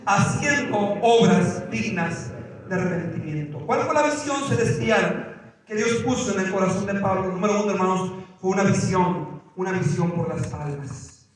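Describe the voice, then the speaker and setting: A man preaching a sermon as a missionary at a church service, telling a story with passion and rising into shouted exhortation. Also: high-pitched, normal speed. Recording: very echoey church hall, mic far off.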